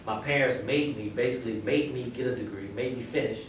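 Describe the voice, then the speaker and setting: A man's voice: mid-range voice, fast. A man with a Southern US accent talking informally as a teacher, telling stories conversationally. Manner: conversational storytelling, checks in with listeners. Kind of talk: informal classroom talk. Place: indoor classroom. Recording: very echoey, distant, noisy room.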